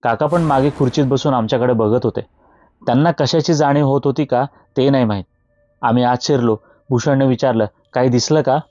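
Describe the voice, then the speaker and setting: A man narrating a scripted horror story in a steady, measured way, with faint music behind. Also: medium pitch, no echo, highs cut off.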